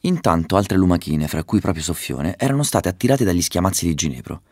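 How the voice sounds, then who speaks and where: Deep-voiced man narrating a children's story. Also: a little fast, no room sound, studio quality. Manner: lively, raises pitch for excited dialogue.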